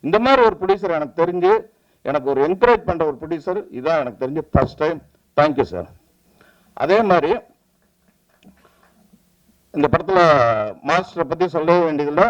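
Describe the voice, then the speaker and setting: A man, a film director giving an animated press meet speech and acting out the lines he quotes. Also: on the high side, moderate pace, pauses often, dull audio. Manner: animated storytelling, acts out quoted dialogue.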